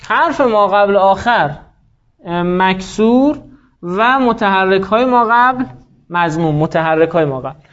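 A man teaching a grammar class in a notably high voice, walking through each rule step by step. He keeps turning to students with questions, calling on them by name. The recording is dull and lo-fi. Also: expressive, fairly bright tone. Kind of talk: classroom lecture.

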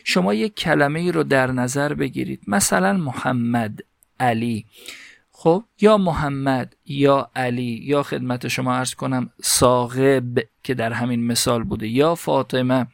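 Gravelly-voiced man teaching a grammar lesson. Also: mid-range voice, no room sound, clean studio sound. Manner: explains step by step, asks questions and answers them himself; slows down to stress example words.

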